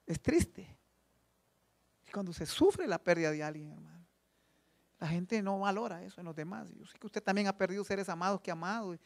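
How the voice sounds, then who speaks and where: A man's voice: high voice, expressive, a little fast, vocal fry, long pauses. Emphatic preacher man firing rhetorical questions. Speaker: pastor. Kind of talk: sermon. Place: church.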